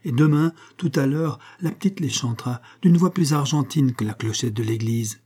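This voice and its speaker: A man voicing an aging male chapel master, excitable and theatrical, swinging between pleading and outrage. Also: medium pitch, moderate pace, lightly acted. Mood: defiant. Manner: anguished, pleading outbursts.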